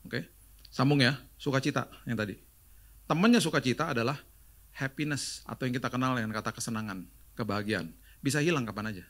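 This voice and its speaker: A middle-aged man from Indonesia delivers a sermon. He preaches in a lively storytelling way, acting out the voices of the people in his stories and mixing in jokes. His voice sits at an ordinary pitch for a man. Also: brisk. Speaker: pastor.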